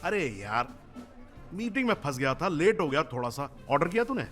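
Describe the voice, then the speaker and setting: A man's voice: on the high side, very animated, moderate pace, a bit bright, faint music behind. An actor playing a breezy, stingy male friend who brushes off worries. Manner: breezy, dismissive. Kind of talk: film dialogue.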